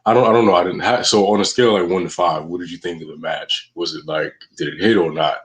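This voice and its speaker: Low-voiced man hosting a podcast. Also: fairly even intonation, quick pace. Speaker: podcast host. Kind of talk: casual hosting chat.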